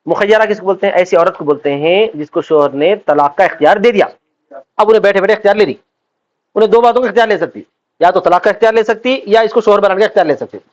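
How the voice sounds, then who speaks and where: High-pitched guy lecturing a class, keeps asking if they got it, dull lo-fi sound. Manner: asks students constant check questions; acts out quoted speech in everyday voices. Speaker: religious teacher. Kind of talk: classroom lecture on Islamic law.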